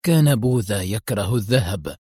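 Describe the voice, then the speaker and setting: A man voicing a calm, sly old male Buddhist high monk who speaks quietly and slowly with suspicion. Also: breathy edge, dry recording, studio quality. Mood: quiet, wary.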